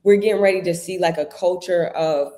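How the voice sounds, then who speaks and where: Animated woman hosting a faith chat. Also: fairly low pitch, brisk. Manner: animated, storytelling with acted-out quotes. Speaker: podcast host. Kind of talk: casual faith-based business chat.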